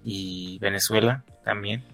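A man's voice: lowish voice, steady tone, slow, vocal fry, a bit bright, soft background music. A man with a Mexico City accent co-hosting a podcast, slangy and swearing casually. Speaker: podcast co-host. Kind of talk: casual chat.

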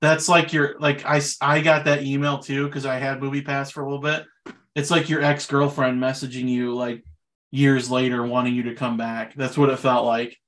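A man co-hosting a podcast, chatting casually about movies in a relaxed way with loose fillers. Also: medium pitch, normal speed. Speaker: podcast co-host.

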